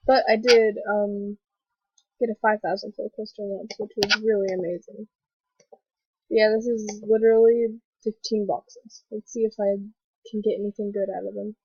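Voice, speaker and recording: A young woman with a stuffy cold voice hosting a casual gaming commentary vlog, rambling excitedly with lots of fillers. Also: mid-range voice, normal speed, a little hiss or hum. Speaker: gaming video host. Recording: dull lo-fi voice recording.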